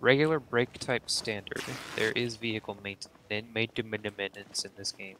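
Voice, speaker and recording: A man's voice: on the low side, measured pace, background noise. A young man chatting casually with friends while playing a video game, joking and swearing freely. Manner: profane, joking. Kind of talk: casual gaming chat with friends. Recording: music behind the voice.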